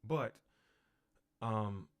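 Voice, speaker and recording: A man's voice: fairly low pitch, very slow. A man teaching on a livestream. He talks unhurriedly, with fillers and repeated phrases.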